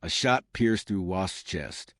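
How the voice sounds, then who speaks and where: Man reading a comic aloud, lively. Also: deep voice, slow pace, no echo, studio quality. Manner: plain storytelling with "says" tags. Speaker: narrator. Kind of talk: comic book read-aloud.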